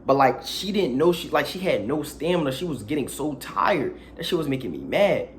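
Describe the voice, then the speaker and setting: A man's voice: fairly high pitch, lively intonation, moderate pace, slight background noise. A young man telling a crude, slangy story in a casual storytime vlog, with dramatic asides.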